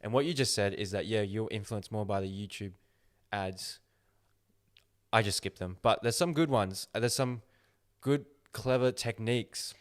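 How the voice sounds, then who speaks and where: Male podcast host, low-pitched, speaks slowly and deliberately with firm opinions. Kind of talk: casual podcast chat.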